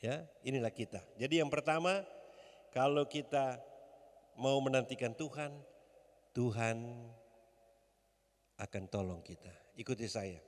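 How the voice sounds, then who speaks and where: A man's voice: medium pitch, unhurried, pauses often. A man preaching a sermon as pastor, emphatic and rousing, leading the congregation to call back. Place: church hall. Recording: long church reverb.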